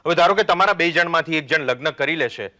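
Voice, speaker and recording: A man's voice: fairly high pitch, fast talker, bright, forceful tone. An actor playing a middle-aged man in a stage play, impatient to marry his lover and playfully joking to push her along. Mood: insistent.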